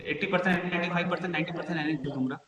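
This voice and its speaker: A man's voice: high-pitched, fairly even intonation, very fast, a crowd in the background. A male teacher leading an online class over a video call, his voice ringing with a strong echo. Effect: strong echoing voice, like a big hall.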